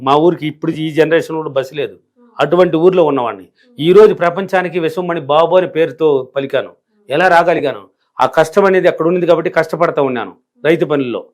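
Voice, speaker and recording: His pitch fairly high and his delivery fast, a middle-aged rural villager from India speaks as a spiritual teacher being interviewed. He is insistent and repetitive, making sure each point lands.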